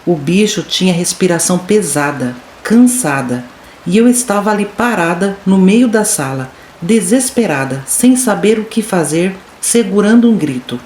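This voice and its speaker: A woman's voice: lowish voice, animated, moderate pace, a little mellow. A woman reading a listener's horror story aloud in first person, with dramatic, suspenseful storytelling. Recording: roomy room echo with faint noise.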